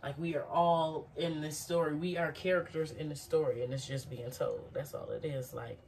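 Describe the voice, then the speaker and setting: A woman's voice: low-pitched, steady tone, normal speed, gravelly, a little mellow, far from the mic, a little hiss or hum. A woman in her thirties chatting to camera in a small home kitchen in a loose, reflective, rambling way. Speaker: vlogger. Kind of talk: casual chat to camera while cooking. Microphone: phone camera propped on counter.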